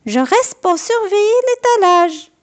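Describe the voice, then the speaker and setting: A woman voicing Patapon, a small eager male helper, in a storybook reading, with high, excited exclamations. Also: a little slow, full character voice. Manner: high bright excited squeals.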